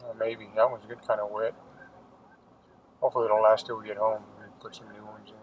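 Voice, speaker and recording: Driving his son home, a middle-aged man chats casually in a laconic, matter-of-fact way, reassuring his grown child. His lowish voice is flat and a little fast, and the car-interior recording sounds muffled, distant and noisy.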